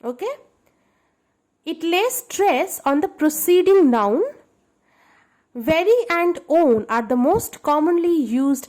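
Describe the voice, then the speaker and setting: High, lively teacher. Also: female voice. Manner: explains patiently, repeats and checks understanding. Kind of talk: grammar lesson for schoolchildren.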